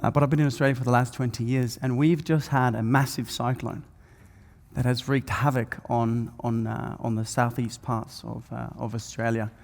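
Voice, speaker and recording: A man from Norway, opening a conference and guiding the audience through a calm breathing meditation with frequent fillers. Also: medium pitch, gravelly. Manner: soft, slow guiding voice with many fillers. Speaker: speaker guiding a breathwork session. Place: large event hall with live audience. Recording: long hall reverb.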